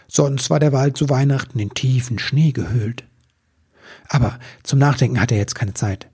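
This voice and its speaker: A man tells a children's Christmas story like a calm, expressive storyteller. His middle-pitched voice is strikingly husky and breathy throughout.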